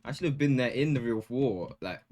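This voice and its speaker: A man's voice: medium pitch, lively intonation, a little fast, darkish tone. A young man giving casual, joking gameplay commentary as a gaming YouTuber, hyped and full of slang.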